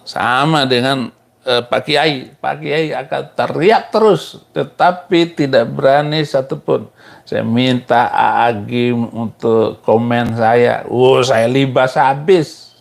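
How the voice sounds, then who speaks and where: A middle-aged man delivers a sermon slowly and deliberately. His voice has a gravelly edge, and he mocks his critics, laughs at his own jokes, and leaps up in pitch to make a point. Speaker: preacher.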